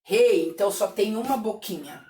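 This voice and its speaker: A Brazilian woman teaching families how to read nursery rhymes with children, chanting words slowly syllable by syllable between explanations. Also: fairly high pitch, animated. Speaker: literacy teacher. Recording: echoey room.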